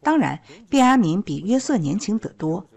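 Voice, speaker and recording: Woman with a lively, rising-and-falling voice. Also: mid-range voice, normal speed, creaky. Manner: retells the scripture story in plain storytelling. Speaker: Bible teacher. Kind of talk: Bible story teaching.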